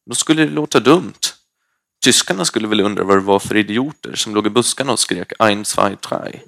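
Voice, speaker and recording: A man reading a first-person story aloud in a lively, expressive way. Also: on the low side, creaky, dry recording, clean studio sound. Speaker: audiobook narrator.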